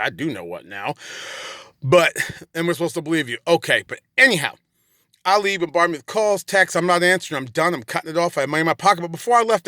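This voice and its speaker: A man's voice: high-pitched, pushed and bright, dry recording, clean studio sound. A man telling his own story straight to camera, indignant and sarcastic, venting with sudden heated bursts.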